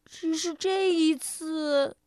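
A woman storyteller and radio host, reading a children's picture book in a playful, expressive first-person voice. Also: very high voice, extremely slow, dry recording, clean studio sound.

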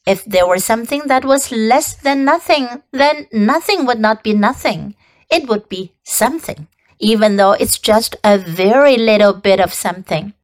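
A woman's voice: a little high, dry recording. A woman voicing a lonely young male pig who pleads and reasons earnestly.

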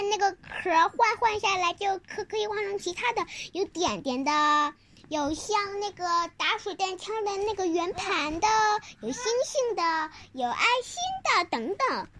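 A child narrates a picture book. The delivery is informal and halting, with repeated words and questions to the listener. The tone is bright, over a faintly noisy home recording. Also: very high-pitched. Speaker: storyteller reading a picture book aloud.

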